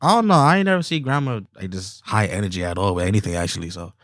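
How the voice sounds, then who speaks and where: A man co-hosts a podcast in a laid-back, joking way, full of slangy asides. His voice sits a little low. The sound is dry and close. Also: expressive, fast talker, fairly bright tone, dry recording. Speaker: podcast co-host. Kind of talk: casual chat.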